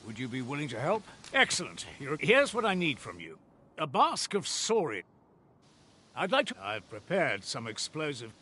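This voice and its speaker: Male fantasy quest-giver, bright forceful tone, fairly high, persuasive and old-fashioned. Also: huge pitch swings, normal speed, slight background noise, heavily acted. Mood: purposeful, persuasive. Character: male fantasy villager recruiting help, formal and purposeful. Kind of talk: video game voice acting.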